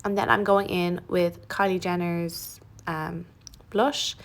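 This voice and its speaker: A young woman talks through her makeup routine in a relaxed, chatty tutorial voice. There's a touch of vocal fry and grit in her tone, and she drops in easygoing, self-deprecating asides. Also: lowish voice, slow. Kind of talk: casual narrated tutorial.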